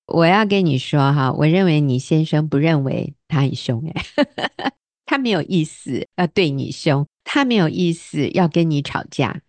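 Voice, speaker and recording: A woman with a lowish voice gives counsel on a faith talk show. She tells her stories with lively energy and acts out the lines she quotes. The sound is dry and close. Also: no room sound. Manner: animated, acts out quoted dialogue with laughs.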